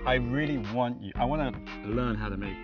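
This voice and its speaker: A man's voice: mid-range voice, fairly quick, lo-fi sound, music in the background. A man hosting a travel cooking show, enthusiastic and exclaiming over the food as he chats with a chef. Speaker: host. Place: outdoors on a mountain, then a kitchen.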